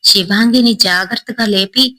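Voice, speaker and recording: Bright-voiced woman telling a ghost story. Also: normal speed, rough recording. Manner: dramatic, voices characters' cries with a raised pitch. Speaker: horror storyteller.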